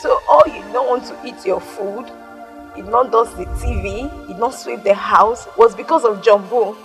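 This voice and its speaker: A woman's voice: a little high, moderate pace, faint music behind, natural voice. A woman with a Nigerian accent playing a scornful young wife who sharply confronts her husband in a film. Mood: scolding. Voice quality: sharp, scolding. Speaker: angry wife.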